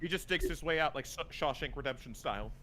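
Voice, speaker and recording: A man with a bright, forceful voice that swings up and down a lot as he jokes through a casual group chat. He is a game writer on a live stream, riffing and breaking into bits. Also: on the high side, lively intonation, fast.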